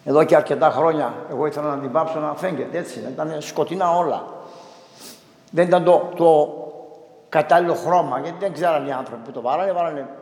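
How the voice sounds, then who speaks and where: A middle-aged male priest telling a story in a slow, emphatic sermon style, acting out the dialogue as he goes. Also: a little high, a little mellow. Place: church. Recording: echoey church with long reverb.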